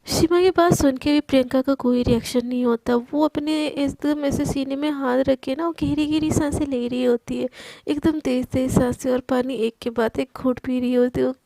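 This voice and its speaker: A woman's voice: high voice, fairly even intonation, normal speed, gravelly, dark tone, no echo. A woman narrating a story in a chatty, conversational storytelling manner. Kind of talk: casual spoken storytelling.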